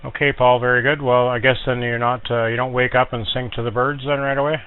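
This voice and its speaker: A man's voice: medium pitch, quick pace. Man calling a ham radio net, easygoing and plain, heard over a thin noisy radio link. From Canada. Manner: relaxed, plain-spoken radio procedure. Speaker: net control operator. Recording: tinny radio audio with noise.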